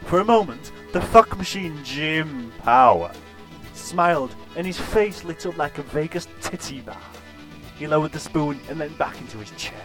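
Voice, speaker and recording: Male narrator, deadpan and crude, slightly high voice, soft music underneath. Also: moderate pace. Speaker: storyteller. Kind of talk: absurd comic story narration.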